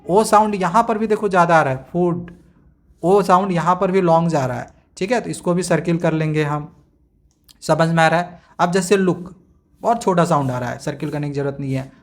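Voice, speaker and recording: A man teaching a primary school English lesson, reading English lines slowly and explaining each one step by step, often asking if it is understood. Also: fairly high pitch. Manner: explains step by step, often checks "samajh mein aa gaya?".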